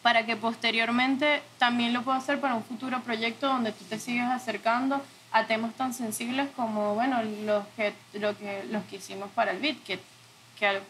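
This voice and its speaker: Woman, slightly high voice, thoughtful interview guest, some background noise. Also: steady tone, moderate pace, fairly bright tone, poor audio. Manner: thoughtful, searching for words with self-corrections. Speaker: interview guest, audiovisual art director. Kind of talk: conversational interview, reflective.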